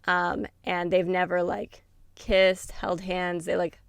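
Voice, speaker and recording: A woman's voice: on the low side, little pitch movement, slow pace, creaky, smooth, no room sound, studio quality. A woman co-hosting a book review podcast, retelling a story in a chatty way with lots of fillers. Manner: chatty, many fillers, laughs while retelling. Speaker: podcast co-host. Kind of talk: casual book review chat.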